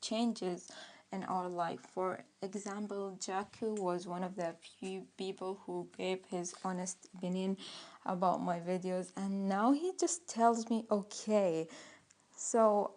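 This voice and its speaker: Young woman vlogger, slow unhurried delivery, rambling with many restarts. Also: medium pitch, steady tone, a little mellow. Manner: rambling, hesitant, with frequent fillers and restarts. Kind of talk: casual story time.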